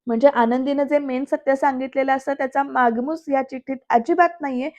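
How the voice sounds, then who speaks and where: A woman's voice: high-pitched, steady tone, brisk, a little mellow. A woman narrating a voice-over episode review in a chatty way, talking straight to the viewers. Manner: chatty, addresses the viewers directly. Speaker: serial reviewer.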